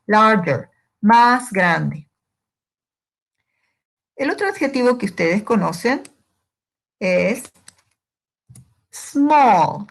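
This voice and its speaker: A woman teaching English grammar step by step, patiently asking questions and answering them herself. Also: mid-range voice. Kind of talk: slow, step-by-step grammar lesson.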